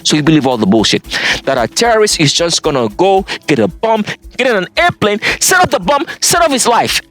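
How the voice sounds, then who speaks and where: A speaker with an African accent delivering an insistent preaching monologue, stressing words hard and dropping to low asides. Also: big pitch swings, fairly quick. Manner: emphatic, insistent, swings between loud and low. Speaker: channel host. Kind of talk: preaching monologue over slides.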